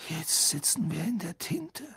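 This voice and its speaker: A man doing a hoarse, hushed teenage boy. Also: high-pitched, sing-song, a little slow, voice pushed up, heavily acted. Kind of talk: audiobook reading.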